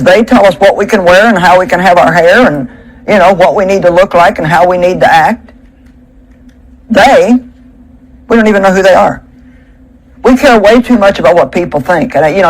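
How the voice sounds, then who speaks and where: A woman's voice: on the low side, rough recording. A woman preacher delivering a sermon at a pulpit microphone, speaking in a conversational, emphatic way and asking rhetorical questions.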